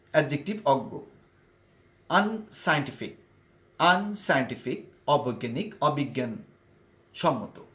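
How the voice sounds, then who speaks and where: Man slowly drilling vocabulary words. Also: a little high. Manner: slow careful word-by-word pronunciation drills; keeps addressing viewers. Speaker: English vocabulary teacher. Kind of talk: online vocabulary lesson.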